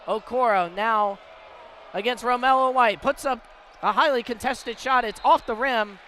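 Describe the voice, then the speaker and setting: A very high-voiced American man commentates a basketball game live on radio at a measured pace. Crowd noise, game ambience, and a bouncing ball are clearly audible in the broadcast.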